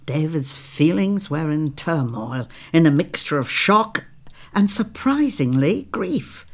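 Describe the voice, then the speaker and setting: A man calmly narrating a novel in a measured way. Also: on the high side. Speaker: audiobook narrator. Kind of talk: scripted narration.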